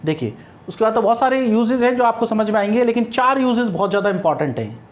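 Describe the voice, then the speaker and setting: Talking fast with wide swings in his high-pitched voice, this man teaches English grammar in classroom fashion. He goes over main points more than once, answers his own questions, and reads out sample sentences one word at a time.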